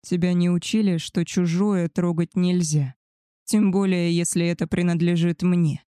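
A cold, commanding werewolf pack leader, voiced by a woman reading a storybook aloud. He speaks slowly and firmly, in a lowish, warm-toned voice with a dry, close sound. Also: steady tone, no echo, close to an everyday voice. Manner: stern, firm and measured.

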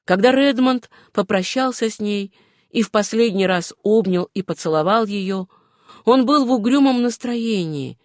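Reading from a novel at a moderate pace, this female audiobook narrator keeps a steady, even delivery in her mid-range voice. The audio is studio quality with no room sound.

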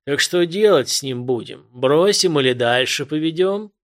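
A man's voice: on the high side, animated, normal speed, fairly bright tone. A man voicing an old holy figure with a staff who objects firmly and plainly.

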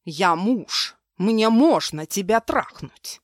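A woman's voice: lowish voice, expressive, a little slow, a bit bright, no echo, clean studio sound. A woman reading a brutal, snarling husband. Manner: coarse, snarling threats. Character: brutal drunken husband, male adult, vicious.

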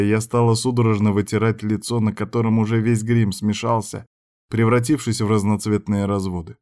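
A man reading a novel aloud as an audiobook narrator, telling the story in a calm, even way. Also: on the low side. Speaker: audiobook reader. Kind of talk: scripted narration.

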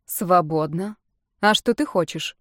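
Woman voicing a straight-talking young woman, crisp, teasing, dry close audiobook sound. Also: fairly low pitch, measured pace, no room sound, natural voice. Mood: direct. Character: direct, sharp-witted young woman, mocking.

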